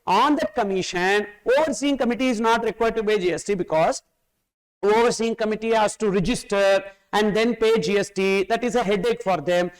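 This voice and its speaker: This low-quality recording captures a high, clean-toned male voice moving fairly quickly: a South Indian-accented tax course teacher lecturing with emphasis. He repeats phrases and keeps asking questions only to answer them himself.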